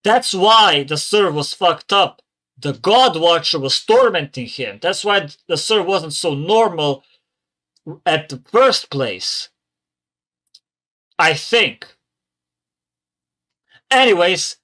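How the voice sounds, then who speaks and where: A man's voice: a little high, fairly bright tone. A man hosting a reaction channel who comments in a casual, rambling way and swears often.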